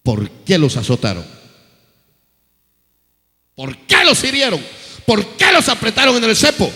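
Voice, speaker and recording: A man's voice: high voice, huge pitch swings, unhurried, sharp tone, big-room sound. A male preacher, delivering an impassioned sermon full of rhetorical questions and acted-out quotes.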